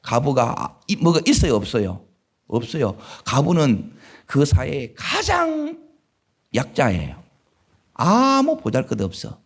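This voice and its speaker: A man with a Gyeongsang Korean accent preaches a sermon from the pulpit of a church. His husky voice leaps wildly up and down in pitch as he drops from loud emphasis into low murmured asides. He keeps throwing questions out to the congregation. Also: huge pitch swings, slow pace. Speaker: pastor. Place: church sanctuary.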